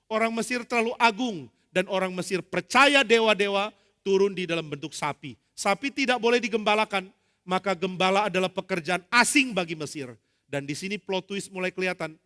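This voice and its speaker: A male pastor preaching a lively sermon, acting out dialogue with humor. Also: sits high, brisk. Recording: long hall reverb.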